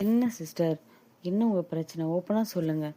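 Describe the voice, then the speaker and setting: A woman voicing a loyal young male friend who calmly tries to make peace between a couple. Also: fairly low pitch, moderate pace, natural voice. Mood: coaxing. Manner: coaxing, earnest, keeps saying sister. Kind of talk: Tamil audio drama acting.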